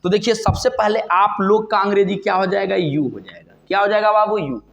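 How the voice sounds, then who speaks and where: A man's voice: high voice, brisk, gravelly, a bit bright. A man teaching English grammar in a Hindi classroom lesson. He asks questions and answers them himself, and calls his students "babu".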